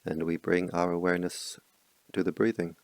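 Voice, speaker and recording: This is a meditation teacher, a man whose deep voice carries a lot of gravelly fry. His calm, brief instructions come slowly and quietly, with long silences between them, recorded close and dry with no room sound at all.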